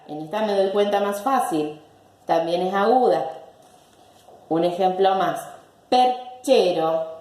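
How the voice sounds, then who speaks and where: A woman's voice: fairly low pitch, warm tone, roomy sound. A woman teacher giving a recorded language lesson, patiently repeating words syllable by syllable.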